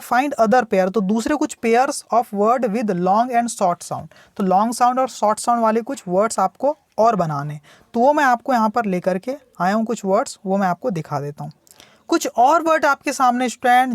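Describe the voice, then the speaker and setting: A man's voice: very high voice, dry recording. A man teaching English word meanings in Hindi, patiently repeating himself and asking the student questions that he answers himself. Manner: speaks slowly when reading English examples aloud. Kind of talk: tutorial on English words, explained in Hindi.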